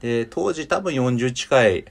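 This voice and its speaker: A man in his thirties hosting a casual chat, telling a school memory with lively delivery. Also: mid-range voice, measured pace, vocal fry. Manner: animated storyteller, acts out quoted voices. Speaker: podcast co-host.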